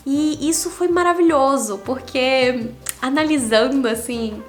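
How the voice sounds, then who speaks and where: Faint music plays behind a young Brazilian woman whose voice sits high and moves a little slowly. A digital nomad vlogger with a Brazilian Portuguese accent, she shares a casual, candid, reflective monologue organized into numbered lessons.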